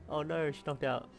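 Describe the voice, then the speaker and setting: A woman's voice: deep voice, creaky. A woman chatting casually as she reacts to a video game, informal and giggly. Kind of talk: casual chat, live game commentary. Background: game music.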